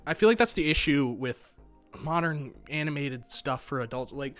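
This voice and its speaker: A man's voice: a little high, normal speed, a bit bright, faint music behind. A young man giving a casual spoken cartoon review, ranting and swearing in exasperation. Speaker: animation reviewer.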